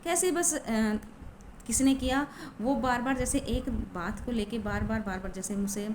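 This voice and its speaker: A woman's voice: a little high, fairly even intonation, normal speed, background noise. A woman coach talking casually and chattily, repeating herself with many fillers. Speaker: law of attraction coach. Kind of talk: casual talk to camera.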